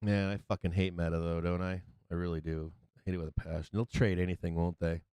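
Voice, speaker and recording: A man's voice: low voice, flat delivery, fast talker, dark tone, smooth, no echo. A man hosting a live trading show with casual, blunt, profane and slangy commentary, often joking as he goes. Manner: jokey, chuckles often at own remarks. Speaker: host of a live stock market show.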